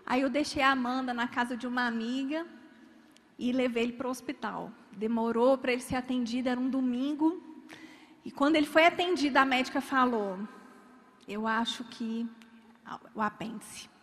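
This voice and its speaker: A woman's voice: high voice, fairly even intonation, a little fast, fairly bright tone, big-room sound. A woman preaching a sermon, telling stories dramatically and acting out the people in them.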